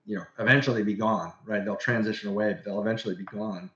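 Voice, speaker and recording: Low-voiced man, roomy dull podcast sound. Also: fairly even intonation, fast talker, fairly bright tone. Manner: enthusiastic, explanatory. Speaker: guest industry executive. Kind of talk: casual podcast interview.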